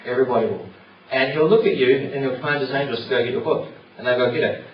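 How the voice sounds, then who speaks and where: A man's voice: mid-range voice, fast talker. A man giving an earnest, conversational evangelistic talk in a church, with many "you know" fillers. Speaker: church speaker. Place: church hall. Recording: roomy, distant, dull with noise.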